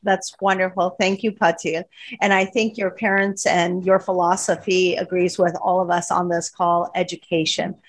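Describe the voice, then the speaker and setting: A woman's voice: lowish voice, level tone, normal speed. A woman hosting an interview podcast, introducing her guests in an upbeat, welcoming way. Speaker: podcast host.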